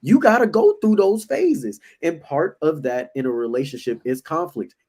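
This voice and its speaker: Male co-host, slightly higher voice, relaxed and encouraging. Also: moderate pace. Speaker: podcast co-host. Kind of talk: casual faith talk.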